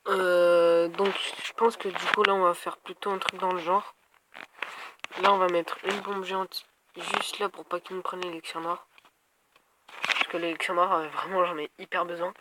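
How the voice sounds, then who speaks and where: Here a gaming video creator, stuffed up with a cold, thinks aloud and hesitates through casual commentary on his gameplay for viewers. He has a high voice with a level tone and moderate pace, and the background is noisy.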